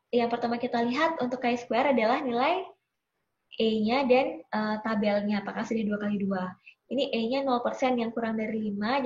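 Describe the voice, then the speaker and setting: A woman lecturer patiently walking students through a statistics software tutorial, often checking in with them. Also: on the high side, highs cut off. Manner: patient, addresses listeners politely, frequent "ya" checks. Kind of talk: screen-recorded software tutorial.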